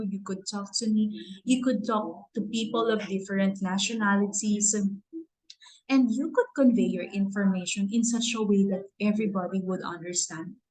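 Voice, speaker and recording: A woman from the Philippines, whose first language is Tagalog, gives a motivational talk as a guest speaker in a Filipino accent. Her mid-pitched voice is earnest, her manner gently preachy, and she pauses now and then to pose rhetorical questions; the audio is poor.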